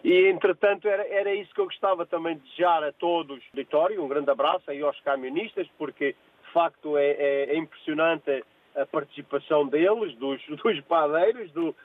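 Calling in to a radio program from his workplace, an older Angolan-born man chats at a moderate pace in a slightly high voice with no echo. He keeps repeating phrases and restarting hesitantly, all over a tinny phone line.

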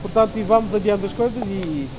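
A man in a casual panel discussion, speaking haltingly and repeating words. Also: sits high, noisy background. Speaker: panel guest.

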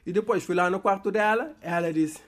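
A man's voice: sits high, a little fast. A man from Cape Verde with a Cape Verdean accent, telling a comic story about his daughter straight to his viewers in a chatty way. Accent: Cape Verdean Portuguese. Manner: chatty, addresses viewers directly. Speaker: comedy creator.

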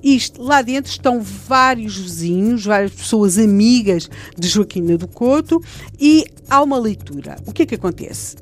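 In a mid-range, slightly mellow voice, a woman with a European Portuguese accent retells a historical true-crime case. She talks conversationally and adds dramatic detail, restarting sentences and using fillers.

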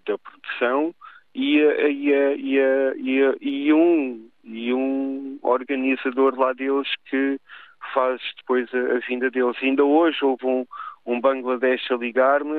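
A man with a European Portuguese accent calling a radio show, giving his views in a halting, stammering but insistent way. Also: mid-range voice, no echo. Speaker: caller. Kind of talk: radio call-in opinion. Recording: tinny phone line.

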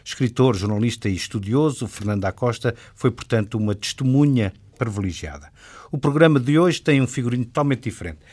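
Male radio host, European Portuguese accent, mid-pitched voice, hesitant questions full of fillers. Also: lively intonation, a little fast, darkish tone. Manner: hesitant questioning with many fillers and repeated words. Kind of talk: radio interview.

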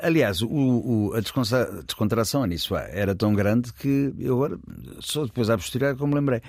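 Low guy w/ european portuguese accent rambling through a story, chuckling, dry close sound. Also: a little mellow, slightly rough, dry recording. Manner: rambling, self-correcting, chuckles while telling. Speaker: guest storyteller. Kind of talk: casual storytelling conversation.

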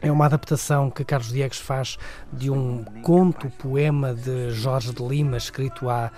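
A man's voice: mid-range voice, fairly even intonation, moderate pace, darkish tone. A man with a European Portuguese accent giving a conversational, wordy film review, often repeating and rephrasing as he goes. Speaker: film critic.

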